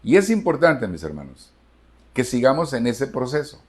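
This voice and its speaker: A man's voice: medium pitch, wildly swooping pitch, moderate pace, husky. A man from Cuba, a pastor preaching a sermon to his congregation and stressing points through repetition. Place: church service.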